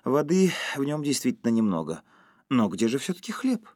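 Performing a baffled young husband, a man speaks at a normal pace with a medium, slightly mellow voice pitched above his own natural register and full of big pitch swings. The recording is dry, with clean studio sound.

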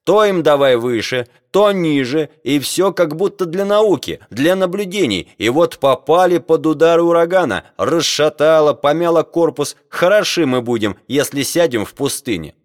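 A man reading an audiobook, voicing a resentful middle-aged male airship captain who complains loudly, close to shouting. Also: lowish voice, wildly swooping pitch, slow pace, few pauses, heavily acted. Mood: indignant. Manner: loud, complaining, nearly shouting. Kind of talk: audiobook character voice.

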